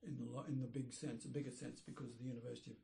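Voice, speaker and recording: Gravelly older man reminiscing. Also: medium pitch, flat delivery, rapid-fire, mellow. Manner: rambling, searching for names. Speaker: architect interviewee. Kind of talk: reminiscing interview. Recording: roomy echoey room.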